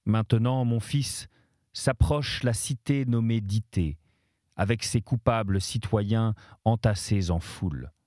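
A stern, wise old guide from beyond the grave, read by a man in a low, mellow voice. The words come grave and measured, recorded close and dry. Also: no echo. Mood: solemn. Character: stern wise male guide, a poet's ghost. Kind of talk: audiobook-style literary reading.

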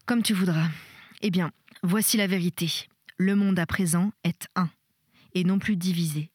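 A woman reading the part of a weary middle-aged husband who lectures his wife in a measured, insistent way. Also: high-pitched, fairly even intonation, husky, no room sound, clean studio sound. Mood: lecturing.

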